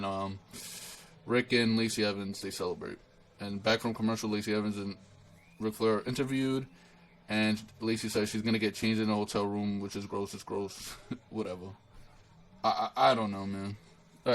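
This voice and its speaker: A young man talks through a wrestling recap in a loose, rambling way. He swears freely, restarts his sentences and sounds dismissive of what he saw. His voice sits fairly low. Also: poor audio. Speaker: wrestling show reviewer. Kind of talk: casual solo recap.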